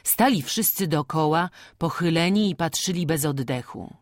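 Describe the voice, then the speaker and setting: A woman narrating a novel as an audiobook in a measured, even storytelling manner. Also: low voice, dry recording, studio quality.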